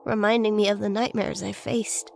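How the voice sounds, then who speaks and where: A woman's voice: mid-range voice, flat delivery, normal speed, creaky. A woman reading a scripted first-person horror story as its narrator. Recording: faint noise and ambience behind voice.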